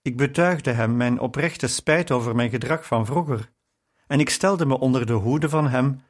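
A man reading a personal testimony in measured, earnest narration. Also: mid-range voice. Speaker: testimony reader. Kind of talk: scripted narration.

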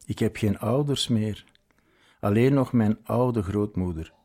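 A man voicing a gruff, grumbling young male cyclist in a spoken story. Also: lowish voice, a little slow, dark tone. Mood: earnest. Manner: growling, grumbling.

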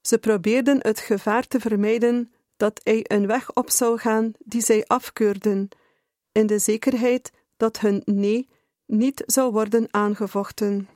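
A woman reading a memoir aloud in a measured, deliberate way. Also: on the high side, fairly even intonation, darkish tone, no echo, clean studio sound. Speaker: reader.

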